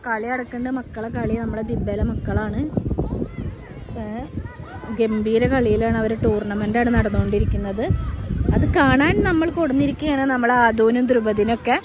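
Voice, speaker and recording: High-pitched woman vlogging in loud wind. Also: steady tone, moderate pace. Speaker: family vlogger. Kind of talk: casual chat to camera on an outing. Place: outdoors in wind, on outings. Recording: very noisy windy outdoor recording.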